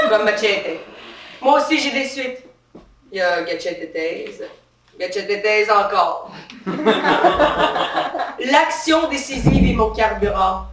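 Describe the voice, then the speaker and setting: In a satirical comedy monologue, a female stand-up performer acts out a brash, bossy policewoman who loves her authority, is quick to take offense, and is quick on the trigger. Her medium-pitched voice is fairly bright, with slight background noise and roomy, distant theatre-stage sound.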